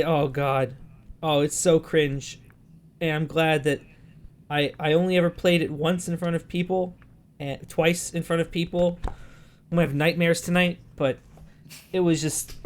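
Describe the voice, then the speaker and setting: A man in his thirties talking casually on a podcast mic. He speaks in halting bursts and often restarts and repeats words. His remarks are self-deprecating. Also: fairly high pitch. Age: 30s. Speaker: podcast co-host. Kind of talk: casual chat.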